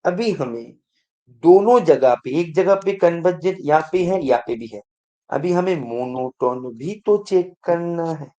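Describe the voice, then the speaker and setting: A man teaching math to exam students, with a voice pitched a little high. He talks slowly and deliberately. He keeps asking the class questions and repeats his calls to pay attention. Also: lively intonation, dark tone, highs cut off. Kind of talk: exam-prep lecture.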